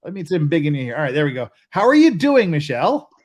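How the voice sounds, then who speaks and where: A man's voice: a little high, very animated, quick pace, darkish tone. Chatty American man hosting a stream. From United States. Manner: chatty, self-interrupting, joking. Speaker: livestream host. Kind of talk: casual livestream chat.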